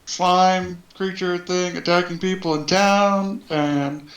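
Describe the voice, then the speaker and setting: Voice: medium pitch, level tone, slow pace. Earnest tabletop player in an echoey room. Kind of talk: tabletop role-play.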